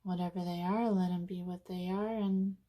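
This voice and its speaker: A woman leads a guided meditation in an informal, conversational style, using soothing, casual phrasing and pausing often. Her voice is lowish and dark in tone, with fairly even intonation.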